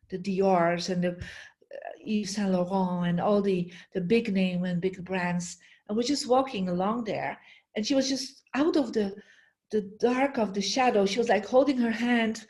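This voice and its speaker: A woman's voice: medium pitch, darkish tone. A middle-aged woman telling a story while teaching an online master class, often checking in with the audience by asking "yeah?". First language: Dutch. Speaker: feng shui teacher.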